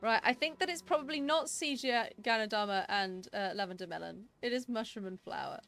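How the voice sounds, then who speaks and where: A woman's voice: on the high side, brisk, over music. A woman streamer giving casual, playful commentary with giggly asides while she plays a game.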